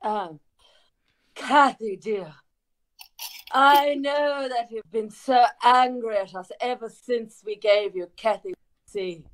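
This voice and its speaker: Playful woman player, slightly high, home call mic. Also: low-quality recording. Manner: playful, quick to jump in. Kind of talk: playing a tabletop game over a call. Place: home bedroom. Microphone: home remote-call mic.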